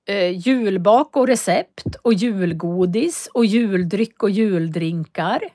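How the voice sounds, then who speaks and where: A woman teaching Swedish in a live online lesson, speaking slowly and clearly and repeating phrases for learners to copy. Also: medium pitch, dark tone. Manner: walks viewers through web links on screen.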